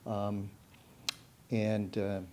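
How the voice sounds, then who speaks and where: A man speaking off the cuff at a city commission meeting, halting and filling pauses with "uh" as he pitches a collaborative plan. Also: monotone, mellow, a little hiss or hum. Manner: halting, many fillers and restarts. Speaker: club representative at public meeting. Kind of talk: unscripted public comment.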